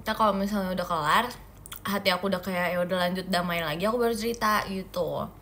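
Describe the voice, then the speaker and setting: Bright, teasing young woman on a livestream. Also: fairly low pitch, fast talker, slight background noise. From Indonesia. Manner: playful and teasing, giggly. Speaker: idol livestream host. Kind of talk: casual livestream chat answering viewer comments.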